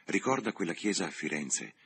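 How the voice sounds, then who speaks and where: A man voicing a gentle, grieving old widower in an audiobook, speaking slowly and sorrowfully in a husky voice. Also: sits low, sing-song, full character voice. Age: over 60.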